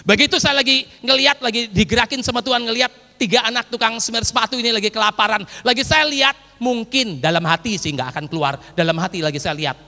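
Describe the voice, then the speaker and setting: A man preaching a sermon as a pastor, telling a story with acted quotes and calling loudly to his listeners. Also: very high-pitched, fast, few pauses. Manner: loud, forceful preaching, says he preaches loudly. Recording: echoey long-reverb hall, old sermon recording.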